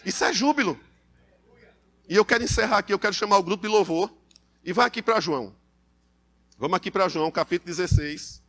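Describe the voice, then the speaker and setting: Brazilian male pastor, high bright voice, emphatic church sermon. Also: expressive, a little fast, pauses often. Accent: Brazilian Portuguese. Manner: emphatic, repetitive, addresses congregation as beloved.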